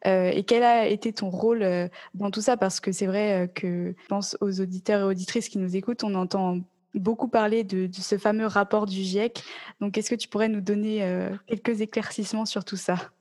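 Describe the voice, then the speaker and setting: A woman's voice: medium pitch, fairly even intonation, normal speed, darkish tone. A woman hosting a podcast, asking friendly questions with some hesitation and fillers. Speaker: podcast host. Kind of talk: podcast interview.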